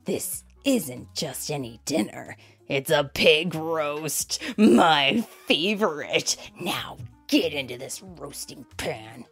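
A woman voicing a hungry male fox in a children's storybook, gruff and gloating, with a slow, growling delivery. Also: low voice, animated, soft background music, pitched below the performer's own voice, exaggerated voice. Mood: smug, commanding. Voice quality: growling, gravelly. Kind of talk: children's picture-book read-aloud.

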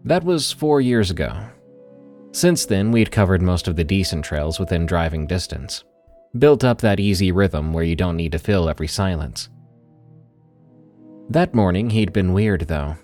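A low-voiced man narrates horror in an ominous late-night radio style. His delivery is scripted and dramatic, swinging widely in pitch, with faint music underneath. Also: animated, normal speed, a little mellow. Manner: ominous, dramatic storytelling with trailing line ends. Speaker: host and narrator of horror stories. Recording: voice over background music. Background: music bed.

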